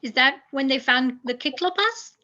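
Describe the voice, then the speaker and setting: Eager little bedtime kid, very high and bright, on dull call audio. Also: female voice, expressive, normal speed. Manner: eager, questioning. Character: very young child at bedtime, eager. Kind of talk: table read of a script.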